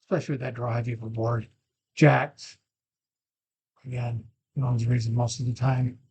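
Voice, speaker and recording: A man with an average-pitched voice gives a casual, unscripted tutorial. He thinks aloud as he works through each step. The sound is a bit muffled, as from a makeshift microphone. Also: little pitch movement, moderate pace, darkish tone. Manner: informal, thinking aloud, occasional throat clearing. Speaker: poker strategy video presenter. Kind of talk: casual screen-share tutorial, talking off the cuff. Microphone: makeshift mic, not a dedicated one. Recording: muffled, without a proper microphone.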